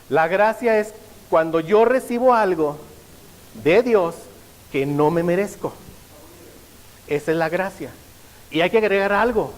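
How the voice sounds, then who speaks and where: A man's voice: sits high, big-room sound, poor audio. A male pastor preaching a sermon, often stopping to ask the congregation rhetorical questions.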